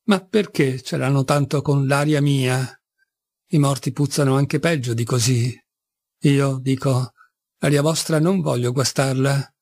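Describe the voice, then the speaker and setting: A man's voice: medium pitch, a little mellow. A man reading an audiobook, voicing a feeble-minded middle-aged mother who rambles and pleads in self-pity.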